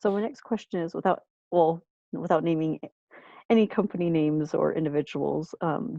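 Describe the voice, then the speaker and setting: Low gravelly woman host, dull lo-fi sound. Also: no room sound. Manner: soft-spoken, many fillers. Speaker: podcast host. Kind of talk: casual interview.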